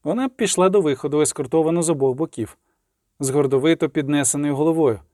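A man narrating an audiobook in a steady, measured storytelling voice. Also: a little high, no room sound, clean studio sound. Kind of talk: scripted narration.

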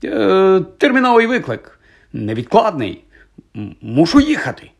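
A man's voice: a little high, expressive, normal speed, slightly rough. Lockhart, a man putting on a vain stammering wizard professor. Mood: flustered, evasive. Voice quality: pompous, stammering, hesitant fillers. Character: vain flustered male celebrity wizard professor.

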